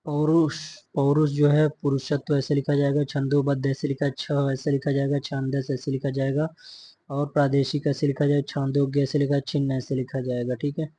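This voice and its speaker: A young man drills spelling word by word in an exam-prep lesson, pausing often to check in. His voice is dark and husky, and it barely rises or falls. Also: medium pitch, monotone. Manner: repetitive, methodical dictation with frequent "theek hai" check-ins. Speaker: teacher.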